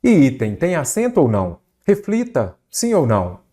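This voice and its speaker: A man with a Brazilian Portuguese accent teaching an exam-prep grammar lesson, emphatic and lively, asking rhetorical questions of his students. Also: on the high side, normal speed.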